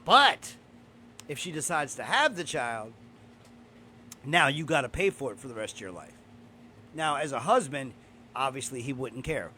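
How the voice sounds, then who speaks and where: A man's voice: mid-range voice, expressive, moderate pace, long pauses, bright, forceful tone, slight background noise. A man hosting a casual podcast, talking in a blunt, profane, opinionated way. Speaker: podcast host.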